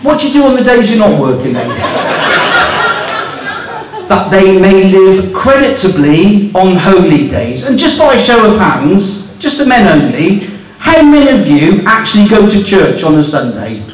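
A man in his fifties does stand-up at a small club, reciting rules incredulously and mockingly while swearing for comic effect. His high voice is sing-song and a little slow. He's on a handheld mic on a stand, and the echoey room is recorded from far away.

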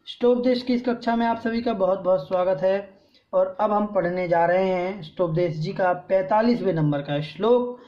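A man teaching a scripture class, patiently explaining pronunciation and reciting verses slowly, syllable by syllable. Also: high-pitched, muffled recording. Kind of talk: slow recitation lesson with pronunciation drill.

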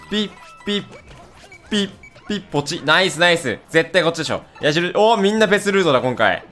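A young man reacts to his gameplay in a quick, lively rush, his pitch bouncing high and low. He talks rough and playful, scolding the screen in jest. Faint game music plays behind him. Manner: excitable, blurts rapid reactions and laughs; rough casual talk, playful mock scolding. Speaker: gaming video host. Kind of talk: let's-play commentary.

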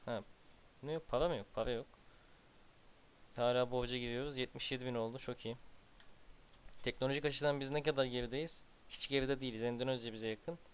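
A man's voice: mid-range voice, steady tone, a little fast, pauses often, a little hiss or hum. A man casually commenting on his strategy game as he plays, muttering to himself and breaking into exasperated outbursts. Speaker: gameplay commentator.

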